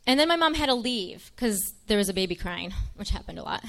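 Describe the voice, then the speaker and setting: A woman's voice: mid-range voice, lively intonation, fairly quick, creaky, fairly bright tone. A young woman from Michigan giving an earnest, chatty personal faith testimony to an audience, with frequent ums.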